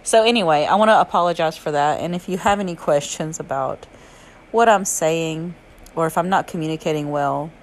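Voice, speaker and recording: A woman podcast host speaks with a Southern US drawl in a slightly low voice. Her delivery is chatty and informal, sprinkled with regional slang. Clear background noise runs through the recording. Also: a little fast. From Alabama, southern United States. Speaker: podcast host and yoga and fitness teacher. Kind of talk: chatty solo podcast talk.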